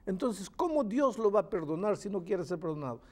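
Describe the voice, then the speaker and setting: A man explaining scripture in a recorded Bible study. His voice sits fairly high for a man but sounds mellow and dark. He leans on repetition to drive points home. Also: very animated, brisk. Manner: emphatic, repeats phrases for stress, reads verses aloud. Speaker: Bible teacher. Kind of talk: Bible study answering questions.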